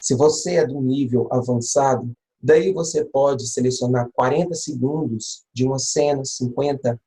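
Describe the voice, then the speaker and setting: A man's voice: medium pitch, moderate pace, warm tone, rough recording. A man with a Brazilian Portuguese accent giving an explanatory online language lesson, patient and repeating key points, a father of young children. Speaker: language teacher.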